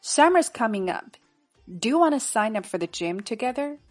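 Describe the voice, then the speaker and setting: A woman hosting a spoken English lesson, explaining phrases and modelling slow, careful pronunciation. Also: fairly high pitch, sing-song, soft background music. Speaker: English teacher.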